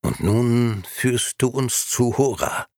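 A man's voice: lively intonation, slow, a little mellow, no room sound, studio quality. A man voicing a cold, disembodied menacing voice that coaxes and threatens by turns. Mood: coaxing. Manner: coaxing, then shrill and commanding.

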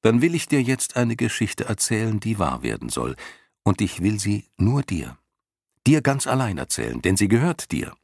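Gentle young boy in a storybook reading, earnest and soothing, raised high and lively, as a male reader puts him on. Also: normal speed, vocal fry, husky, no echo, studio quality, full character voice. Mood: tender. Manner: earnest, soothing, softly whispering at times.

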